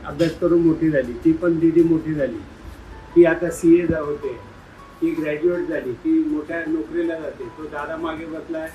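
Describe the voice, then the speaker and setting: A man playfully quizzing schoolchildren, coaxing and teasing them and urging them to speak louder. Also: on the high side, dull audio. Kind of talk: playful classroom questioning.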